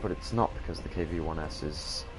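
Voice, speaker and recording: A man's voice: very deep voice, a little fast, over music, low-quality recording. A young British man with a posh-sounding accent, rambling casually and earnestly while gaming, often asking rhetorical questions. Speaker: video gamer commentator.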